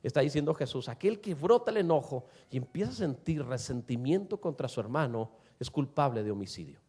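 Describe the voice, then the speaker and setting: A man preaching a sermon to a congregation, asking them rhetorical questions and swinging between loud and soft. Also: medium pitch, animated, brisk. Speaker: pastor.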